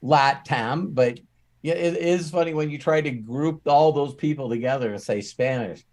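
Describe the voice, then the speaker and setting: A man's voice: fairly high pitch, moderate pace, a little mellow. A man hosting an interview podcast in casual chat, effusive and affirming, and laughing easily. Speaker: podcast host.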